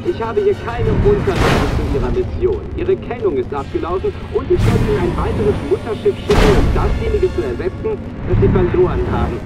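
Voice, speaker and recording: A man's voice: very high voice, huge pitch swings, fairly quick, gravelly, hardly any pauses, loud music behind the voice, exaggerated voice. A man playing a snide, officious alien traffic control clerk in a video game, condescending, pedantic and sarcastic. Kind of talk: video game voice acting in German.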